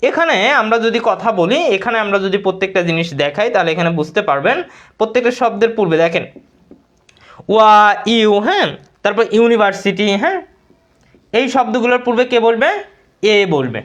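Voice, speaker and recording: A man's voice: high voice, expressive, fairly quick, dull audio. A man with a Bangladeshi Bengali accent teaching English grammar in a live online class, repeating words and answering his own questions.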